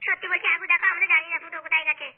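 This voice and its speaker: A woman's voice: very high-pitched, steady tone, racing. A woman voicing a reformed ex-troublemaker who desperately pleads her innocence, heard through a tinny, phone-like sound. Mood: pleading.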